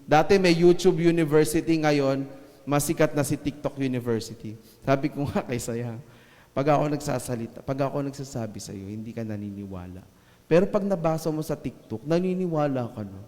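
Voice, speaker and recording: A man giving a casual, joking sermon in mixed Filipino and English. He slows down and stresses the scripture lines. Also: medium pitch, a little mellow, in a large hall. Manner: joking asides with laughs, then slow emphatic scripture lines. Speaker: preacher.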